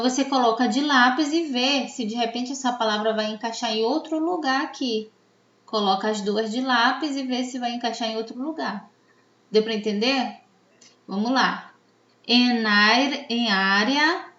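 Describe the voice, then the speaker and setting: A Brazilian woman teacher with a Brazilian Portuguese accent explaining a lesson slowly and checking in with her students. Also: a little high, fairly bright tone, reverberant, muffled recording. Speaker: Spanish teacher. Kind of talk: recorded classroom lesson.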